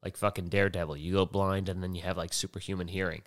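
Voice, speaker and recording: A man talks alone into his podcast mic, his voice sitting a bit low. He rambles and curses his way through loose, self-mocking chat. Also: level tone, fast talker, no echo. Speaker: podcast host. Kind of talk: casual solo podcast rant. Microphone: headphones and podcast mic.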